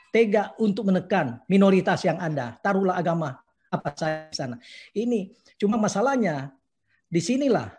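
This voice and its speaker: As a guest in a live video call discussion, a man makes long, earnest, outspoken statements of opinion. He has a high, slightly mellow voice.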